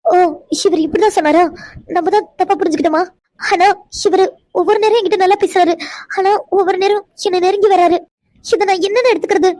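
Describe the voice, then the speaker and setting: A woman's voice: very high-pitched, steady tone, fairly quick, darkish tone, no echo, clean studio sound. A woman voicing a shy, frightened young woman in a cartoon, who stammers and pleads. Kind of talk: cartoon voice acting.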